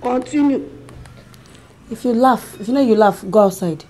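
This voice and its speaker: A woman's voice: fairly high pitch, moderate pace, warm tone. A woman with a Nigerian accent chatting casually as a prank vlogger to viewers and family.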